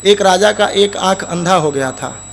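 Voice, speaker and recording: A man preaching a scripture sermon with a notably high voice. He intones Sanskrit verses at a slow pace, then explains them in everyday speech, often turning to his listeners directly. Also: gravelly, a little hiss or hum. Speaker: Bhagwat Katha preacher. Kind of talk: devotional sermon with scripture recitation.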